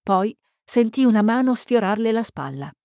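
A woman narrating a mystery novel in a measured, suspenseful reading. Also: a little high, lively intonation, a little mellow, no room sound, studio quality. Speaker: audiobook narrator. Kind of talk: scripted narration.

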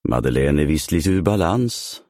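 A man reading a smooth, charming male pilot in a storybook, speaking in a breezy, offhand way. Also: very deep voice, sing-song, a little mellow, no room sound. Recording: dry close studio sound.

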